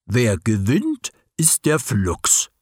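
A man voicing a slow, wise-sounding female snail in a storybook reading. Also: medium pitch, huge pitch swings, breathy edge, no room sound, clean studio sound, heavily acted. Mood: deliberate.

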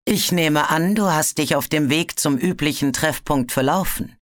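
A storybook narrator voicing a calm sea dragon who speaks dryly and evenly. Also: mid-range voice, dry recording, lightly acted. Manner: dry, measured. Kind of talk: audiobook character voice.

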